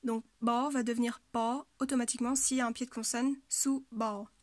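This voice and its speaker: A woman's voice: on the high side, fairly even intonation, brisk, no echo. A woman teaching a language lesson, patiently explaining pronunciation rules and repeating example words, with frequent hesitations.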